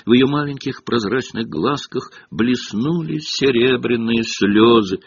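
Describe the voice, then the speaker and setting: A man narrating an audiobook in an expressive storytelling manner. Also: medium pitch, a little slow, breathy edge, no echo. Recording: dull, dry lo-fi recording.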